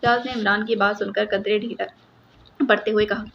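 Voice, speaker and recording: A woman narrating an audiobook in a steady, measured storytelling manner. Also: mid-range voice. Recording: slightly muffled with faint hiss.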